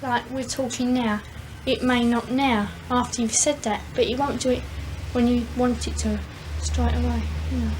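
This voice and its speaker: A woman's voice: on the high side, steady tone, normal speed, hardly any pauses, a little mellow, a little hiss or hum, low-quality recording. A woman, answering an interviewer's questions at home in a plain, matter-of-fact way.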